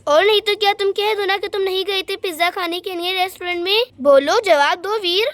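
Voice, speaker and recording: A woman's voice: very high voice, little pitch movement, fast talker, a bit bright, no echo, clean studio sound. A woman voicing a touchy young woman doll who sulks and complains huffily in a doll story. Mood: huffy. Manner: sulky, huffy complaints.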